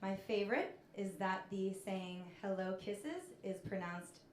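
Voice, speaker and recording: A woman in her thirties doing a stand-up comedy set, telling stories in a deadpan way. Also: medium pitch, unhurried, a little hiss or hum. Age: 30s. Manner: deadpan storytelling with punchlines. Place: comedy club stage with laughing audience. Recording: echoey club room.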